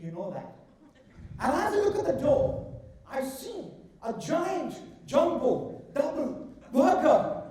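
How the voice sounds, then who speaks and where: A middle-aged man with an Indian accent performs a humorous speech in a very echoey hall, heard at a distance from the microphone. His tone is mellow and rounded, and his delivery is theatrical and rehearsed, with deliberate, stretched emphasis on key words. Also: very high-pitched. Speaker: contest speaker. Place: large indoor event hall. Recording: echoey hall, far from the mic.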